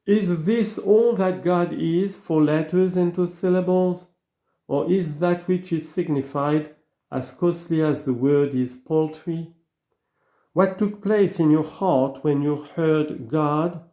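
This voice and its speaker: A man giving a slow, earnest reading of an old sermon, full of rhetorical questions. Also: on the high side, warm tone, roomy sound. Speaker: reader of sermons.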